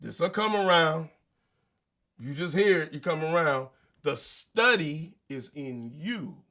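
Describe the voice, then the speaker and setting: A man's voice: a little high, expressive, slow pace, bright, forceful tone. A man hosting a show, delivering an emphatic, preachy motivational monologue in casual slang, full of rhetorical questions. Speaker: show host.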